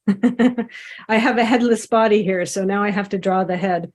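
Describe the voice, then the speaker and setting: A gentle woman, a satsang facilitator and coach, guides a self-inquiry session over a video call. Her mid-range voice moves a little slowly, and she is encouraging as she draws while talking.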